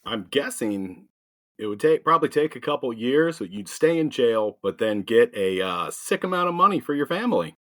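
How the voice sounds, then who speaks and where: Man, co-host, wry, halting starts, mid-pitched voice, casual news banter. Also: sing-song. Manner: dry, wry jokes, hesitant starts. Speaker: podcast co-host. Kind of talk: casual satirical news chat.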